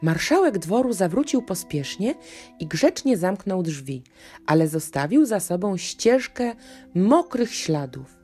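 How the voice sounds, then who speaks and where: A woman narrating a children's bedtime story in a gentle, expressive storytelling manner. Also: lowish voice, a little slow, husky. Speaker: audiobook narrator. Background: faint music.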